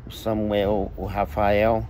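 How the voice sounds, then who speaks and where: A man with a fairly low voice and a Brazilian Portuguese accent tells a personal religious testimony. He speaks with emotion, his voice climbing higher whenever he relives the dialogue. A faint hiss sits under the recording. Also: little pitch movement, slow, darkish tone. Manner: emotional, rises in pitch when retelling dialogue. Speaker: witness giving a religious testimony.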